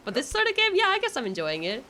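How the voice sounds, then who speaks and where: Giggling and exclaiming, a woman chats with her stream audience as she plays a game live, excitable yet nervous. Her voice is high-pitched and fast.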